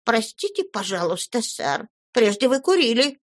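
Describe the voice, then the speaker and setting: A woman's voice: on the high side, sing-song, normal speed. A woman voicing a timid, humble young man who pleads earnestly and keeps saying sir. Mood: flustered.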